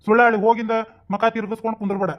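A man's voice: sits high, little pitch movement, very fast, muffled recording, close to an everyday voice. A man voicing a worried, stubborn young husband in a cartoon with a North Karnataka accent. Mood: grumbling. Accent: North Karnataka Kannada. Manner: grumbling, stubborn.

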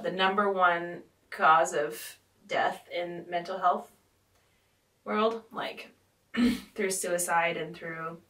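A woman hosts a casual podcast chat in a mid-range, pushed, bright voice, rambling with plenty of fillers and constant "like." The recording is roomy, with a distant mic.

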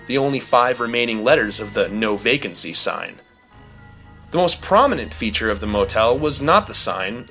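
A man narrating a first-person audiobook in a lively, expressive way. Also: medium pitch.

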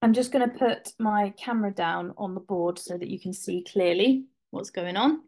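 A woman's voice: medium pitch, moderate pace, darkish tone. Chatty woman demonstrating a craft. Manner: chatty, informal, with fillers and restarts. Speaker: craft presenter. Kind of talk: live webinar demonstration.

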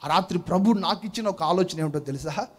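A man's voice: sits high, fast talker. A male pastor preaching a sermon, telling a story with acted-out voices and questions to the congregation.

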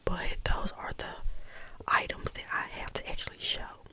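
American woman whispering softly right in your ear. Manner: unhurried, chatty, close-up talking. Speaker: vlogger. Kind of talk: ASMR whispered vlog, casual chat. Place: bedroom, indoors. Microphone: small desktop condenser mic held close.

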